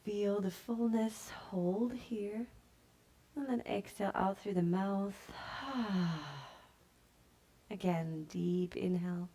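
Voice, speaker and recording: A woman yoga teacher guiding a class with slow, soft-spoken calm cues that sometimes drop to a breathy near-whisper. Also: medium pitch. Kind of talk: guided yoga instruction.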